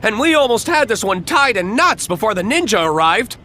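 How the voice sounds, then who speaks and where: A man's voice: sits high, very animated, moderate pace, sharp tone, a little hiss or hum, voice pushed up, heavily acted. An audiobook narrator voicing a boastful grown fisherman who tells his story dramatically. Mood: dramatic indignant.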